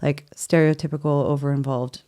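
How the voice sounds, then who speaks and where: A woman in her thirties from Virginia chats as a podcast guest in a casual interview. Her voice is low, mellow, and flat, and she talks fairly quickly, playful and open, laughing easily.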